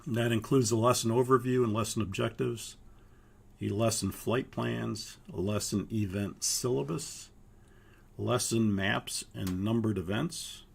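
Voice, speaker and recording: Hoarse from a cold, an older flight training instructor from Minnesota, US, leads a live online course walkthrough. His voice is low, gravelly, and husky, and he moves haltingly through the material, saying "uh" whenever he pauses.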